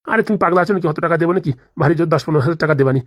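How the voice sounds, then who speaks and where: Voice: medium pitch, rapid-fire, dry recording, studio quality, close to an everyday voice. A voice actor playing a timid, henpecked village husband in a cartoon comedy, who stammers and whines in rustic speech. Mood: pleading.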